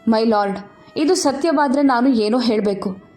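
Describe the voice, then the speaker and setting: A woman's voice: on the high side, moderate pace, darkish tone, faint music behind, natural voice. A woman voicing a remorseful young male lawyer who speaks earnestly.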